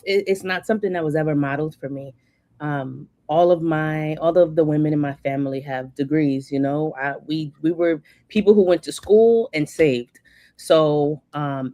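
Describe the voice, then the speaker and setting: A woman's voice: low-pitched, darkish tone, dry recording. A woman in her forties, a guest coach and speaker, talking candidly in a conversational interview over a video call. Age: 40s.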